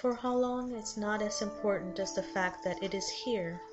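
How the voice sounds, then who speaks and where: A woman narrates a guided meditation in a soothing, measured manner, with lingering pauses between short phrases. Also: mid-range voice. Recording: muffled lo-fi sound under loud music. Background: loud background music.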